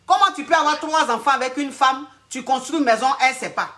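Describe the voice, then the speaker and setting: A relationship coach answers callers live, speaking directly to them and repeatedly calling them darling. Her high, bright, clear voice moves fast, blunt yet motherly, and firm when she makes a point.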